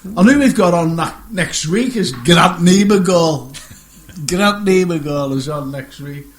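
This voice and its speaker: A man's voice: sits high, measured pace. A middle-aged man hosting a casual radio chat show, rambling and joking and laughing often.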